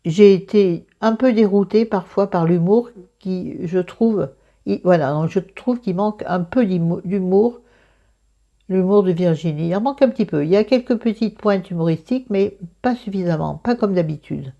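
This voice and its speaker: A woman with a croaky morning voice and vocal fry, chatting casually through a book review in a self-mocking, digressive way, thinking aloud. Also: medium pitch, normal speed, mellow, dull audio.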